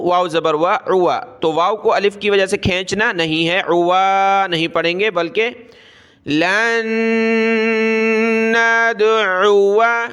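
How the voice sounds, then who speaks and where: A man gives a tajweed lesson at an unhurried pace, naming each letter and vowel before chanting the word slowly. His voice sits high and sounds bright, smooth and clear. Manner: slow spelling out of letters, drawn-out chanted recitation. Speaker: Quran recitation teacher.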